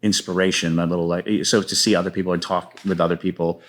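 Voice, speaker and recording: Speaking quickly in a low, level tone, this man is a guest playwright in a relaxed interview about his own work. He tells stories and occasionally drops into quoted lines.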